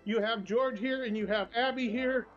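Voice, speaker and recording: With an extremely high pitch, a steady tone and a moderate pace, an older man chats cheerfully while giving a casual walking tour of shops. He is a travel vlogger and tour guide filming on a handheld camera as he walks through a small town's streets and shops, indoors and out. Faint music sits behind the slightly dull audio.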